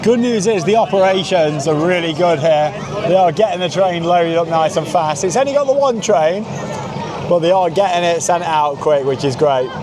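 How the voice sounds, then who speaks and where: Strolling through a theme park outdoors with crowd noise around him, a male vlogger and host keeps up a rambling, enthusiastic running commentary to camera. He speaks at a moderate pace in a voice on the high side.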